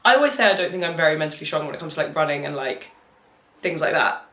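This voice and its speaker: A woman's voice: deep voice, fairly even intonation, fast talker, fairly bright tone. A young British woman chatting casually to camera, candid and rambling, dropping "like" into her sentences as she recounts her experience. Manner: rambling, candid, frequent filler "like". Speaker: vlogger. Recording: roomy echo.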